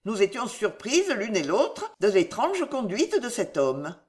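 A woman narrating a classic novel in a measured, storytelling manner. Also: mid-range voice, wildly swooping pitch, darkish tone. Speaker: audiobook reader. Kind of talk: literary narration.

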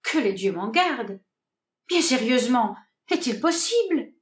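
A woman's voice: on the high side, sing-song, unhurried. A woman voicing a small, fiery young woman jilted in love, theatrical and full of indignant questions, in a read-aloud stage comedy. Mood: hurt, bewildered.

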